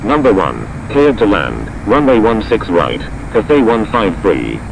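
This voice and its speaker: Casting: male simulator pilot on the radio, lowish voice with animated pitch, clipped phraseology. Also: unhurried, creaky. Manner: formulaic, clipped readbacks. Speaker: pilot on air traffic radio. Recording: noisy simulated radio traffic.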